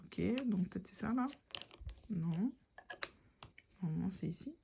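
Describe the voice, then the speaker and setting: A woman's voice: mid-range voice, lively intonation, measured pace, gravelly, mellow, a little hiss or hum. A woman doing a casual product review, thinking aloud and often restarting her sentences. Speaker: tech reviewer.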